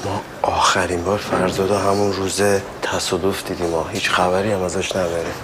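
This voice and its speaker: A man's voice: low-pitched, flat delivery, close to an everyday voice. An actor playing a young male traveler who answers in a guarded, evasive way. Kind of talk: TV drama acting. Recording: loud background noise.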